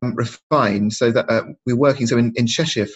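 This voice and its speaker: A man's voice: medium pitch, fairly even intonation, a little fast, husky. A man giving a webinar presentation over a video call, his audio cutting out in dropouts. He talks hesitantly, with many restarts and repeated words.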